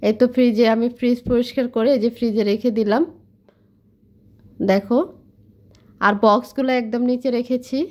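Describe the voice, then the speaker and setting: A woman's voice: on the high side, steady tone, moderate pace, long pauses, a little mellow. Chatty woman vlogging at home. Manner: chatty, addresses viewers directly. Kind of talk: casual home vlog narration. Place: home kitchen.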